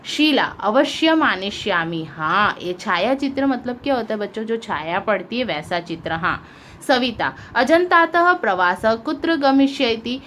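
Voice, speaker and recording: A woman's voice: fairly high pitch, expressive, unhurried, a bit bright, a little hiss or hum. A woman teaching a school lesson, reading lines aloud, translating each one, and asking her pupils questions as she goes. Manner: patient, asks pupils questions, translates line by line. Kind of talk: explaining a Sanskrit lesson in Hindi.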